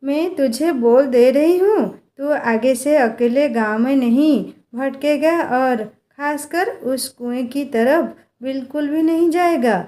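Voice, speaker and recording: A woman's voice: high-pitched, takes it slowly, few pauses, mellow. A woman voicing a strict, worried village mother in a storybook tale, scolding and warning. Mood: stern. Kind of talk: storybook character voice.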